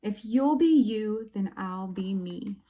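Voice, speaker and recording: A woman voicing a shy, plump male mole who coos softly, in a read-aloud storybook. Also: mid-range voice, animated, slow. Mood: earnest. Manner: cooing, soft.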